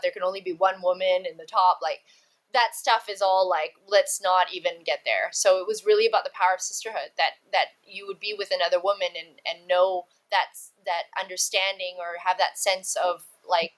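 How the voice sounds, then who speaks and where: A woman from Malaysia, a guest in a casual interview over a video call, talking in an animated way and acting out quoted voices. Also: medium pitch. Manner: animated, acts out quoted voices, lots of fillers. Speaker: guest, actress and entrepreneur.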